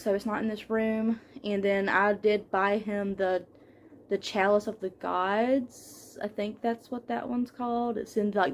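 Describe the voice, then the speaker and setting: A young woman book vlogger chats in a relaxed way about her shelves, listing book titles one after another with the occasional filler and soft laugh. Her voice is an ordinary middle pitch for a woman, recorded in a room at home with slight background noise.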